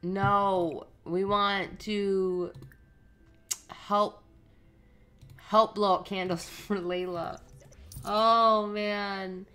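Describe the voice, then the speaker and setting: A woman's voice: mid-range voice, flat delivery, very slow, long pauses, a bit bright. A woman giving casual running commentary while playing a life-simulation game, chatting to the characters on screen. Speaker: let's play host.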